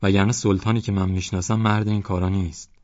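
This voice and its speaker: Narrator doing a bossy village headman, husky and sleepy, fairly high for the reader, dull dry recording. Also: flat delivery, a little mellow, no echo, lightly acted. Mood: dismissive. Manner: bossy, boastful, scolding. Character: gruff swaggering male village headman.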